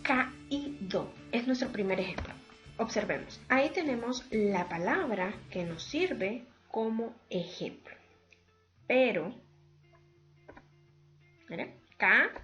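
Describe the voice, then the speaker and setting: Slow, careful woman teacher with a slightly high voice; dull lo-fi audio, faint music behind. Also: lively intonation. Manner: slow, deliberate, syllable by syllable, addresses students formally. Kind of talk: remote lesson on spelling and accents.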